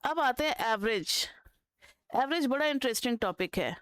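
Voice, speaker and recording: Indian woman tutor, slightly high, crisp and dry close-mic sound, dictating slowly. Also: animated, a bit bright, no room sound. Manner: explains slowly, dictates notes word by word, asks students questions. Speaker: economics tutor. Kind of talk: online lecture.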